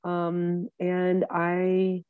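A woman from Egypt, a lawyer and comedian, chatting as a podcast guest, animated and joking with lots of fillers. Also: fairly low pitch, drawn-out words, clear, resonant tone, no echo, narrow, tinny audio. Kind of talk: casual conversational interview.

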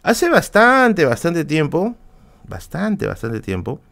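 A man's voice: fairly high pitch, huge pitch swings, slow pace, gravelly, a bit bright. A man with a Peruvian accent telling a personal anecdote on a live stream, casual and slangy, with many fillers and asides to the audience. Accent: Peruvian Spanish.

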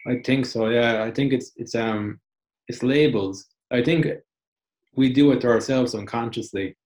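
A young man with a mid-range, slightly mellow voice speaks unhurriedly as a guest on a podcast. In this casual interview he's loose and reflective, restarting often and saying "like" a lot.

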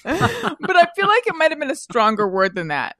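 A woman's voice: on the high side, fast talker, no room sound, clean studio sound. A woman hosting a casual comedy chat, telling stories with lots of acted-out quotes and laughter. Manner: animated storyteller, acts out quotes, laughs often. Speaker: podcast host.

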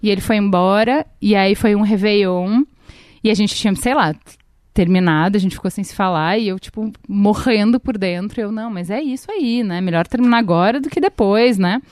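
A woman's voice: medium pitch, brisk, darkish tone, smooth, dry recording, clean studio sound. A Brazilian woman in her thirties telling a long personal story in a casual chat, with many fillers and restarts.

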